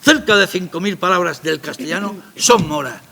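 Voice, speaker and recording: Man, high voice, rambling, colloquial, radio interview. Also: animated, normal speed, vocal fry, pushed and bright. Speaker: playwright presenting his play.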